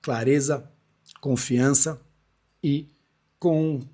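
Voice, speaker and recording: A man's voice: medium pitch, fairly even intonation, drawn-out words, dark tone. A man in his forties from Brazil, giving a loose, conversational lesson on public speaking with frequent restarts and asides. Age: 40s. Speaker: speaking coach. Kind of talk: casual on-camera lesson.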